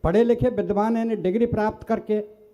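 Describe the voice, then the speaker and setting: A man's voice: high-pitched, fairly even intonation, fairly quick, mellow, dull audio. An older man, a comic poet telling self-mocking village stories on stage. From Rajasthan.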